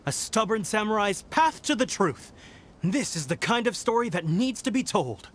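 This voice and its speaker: A man's voice: high voice, expressive, normal speed, a bit bright, slight background noise. Theatrical, self-important male novelist. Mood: grave, dramatic. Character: proud, dramatic, stubborn novelist selling his book. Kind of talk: animated video game voice acting.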